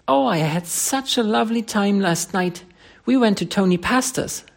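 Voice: mid-range voice, normal speed, gravelly, pitched above the performer's own voice. A reader voicing a merry young woman, an artist's model who chatters and gushes, in an audiobook story. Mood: merry, chatty. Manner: chatty, girlish, gushing.

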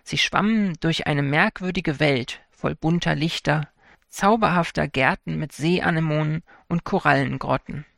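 A man narrating a fairy tale for an audiobook in a calm, measured storytelling manner. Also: fairly high pitch, creaky, dry recording, studio quality.

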